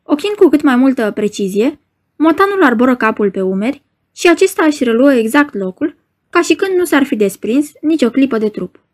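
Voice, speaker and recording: Woman narrating a novel, fairly high voice. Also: very animated, darkish tone. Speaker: audiobook narrator.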